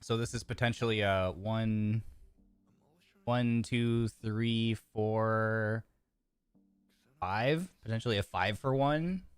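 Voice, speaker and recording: Speaking slowly with frequent pauses, this streamer has a lowish, clear, resonant voice recorded with no room sound. He chats casually over a card game, reads the card text out loud, and keeps restarting and using fillers, a bit congested from a sore throat.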